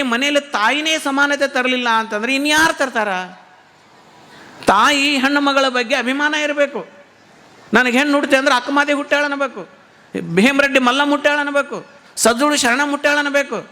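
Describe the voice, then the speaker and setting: A man's voice: very high voice, bright, forceful tone. A man with a North Karnataka Kannada accent preaching a sermon, repeating rhetorical questions to drive his point home. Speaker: religious teacher giving a discourse. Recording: long hall reverb.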